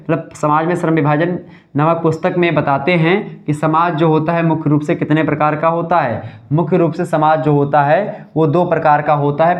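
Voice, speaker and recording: A man's voice: a little high, dull audio. A man giving a live sociology lecture, explaining step by step and repeating the key points. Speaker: sociology teacher.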